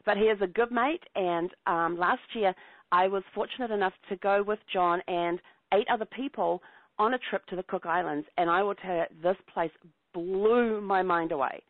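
A woman's voice: mid-range voice, normal speed. A woman host with a New Zealand accent, talking with bubbly, chatty enthusiasm in a casual travel interview. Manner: bubbly, chatty, laughs easily. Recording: dry phone-line sound.

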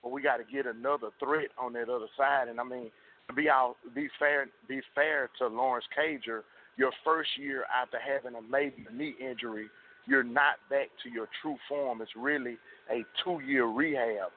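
A man's voice: medium pitch, steady tone, moderate pace. Man calling in on a crackly cell phone. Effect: heard over a cell phone line. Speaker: radio call-in caller. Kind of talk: earnest sports fan commentary. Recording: tinny cell phone line with faint hiss.

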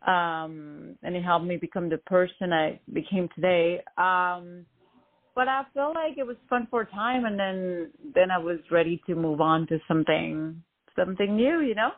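A woman's voice: on the low side, moderate pace. A woman musician who grew up in France, answering interview questions hesitantly with many fillers. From Lebanon, raised in France. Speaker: musician guest. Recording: tinny phone-line sound.

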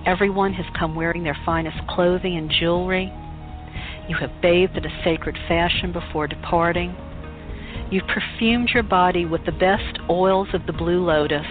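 A woman leading a guided meditation in a calm, soothing, unhurried voice with pauses. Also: lowish voice. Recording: muffled phone-like recording with music. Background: meditation music.

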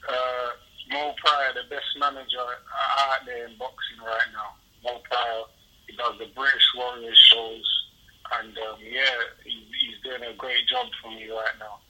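A man's voice: medium pitch, a little slow, sharp tone, poor audio. A young man calling in over the phone, a boxer chatting casually and repeating his phrases.

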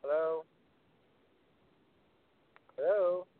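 A man with a slightly high voice hosts over a phone line that keeps breaking up and dropping out. He comes through thin and tinny, as on a bad cell connection. He keeps asking whether anyone can hear him and apologizes for the bad reception. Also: drawn-out words, dry recording. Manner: repeatedly calling "hello" and apologizing, frustrated. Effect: phone call with poor reception, dropping out. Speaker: podcast host. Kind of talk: casual live call-in chat.

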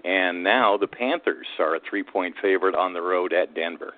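Velvety, low-voiced man on the phone. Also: moderate pace. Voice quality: smooth, velvety voice. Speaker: regular call-in betting expert, former DJ. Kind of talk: casual sports talk chat. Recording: narrow, tinny phone line.

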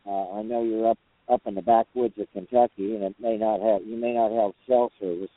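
Male trucker host, lowish voice, folksy and rambling, casual radio chat from a parked cab over a narrow phone-grade line. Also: fairly even intonation, a little fast, no echo. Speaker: host of a truckers' talk show. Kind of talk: casual call-in talk show chat.

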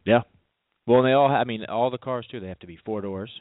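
A man co-hosting a radio talk show, telling stories in a lively casual way. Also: mid-range voice, fast, no echo. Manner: animated storyteller, voice jumps up in quotes. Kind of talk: casual chat. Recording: dry, phone-like narrow sound.

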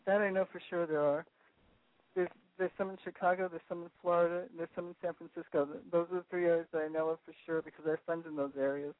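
A woman's voice: lowish voice, fairly even intonation, fast talker, no echo. A woman in her fifties on the phone, eager and repeating herself for emphasis. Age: 50s. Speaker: guest caller. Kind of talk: casual phone chat. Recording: dry phone line.

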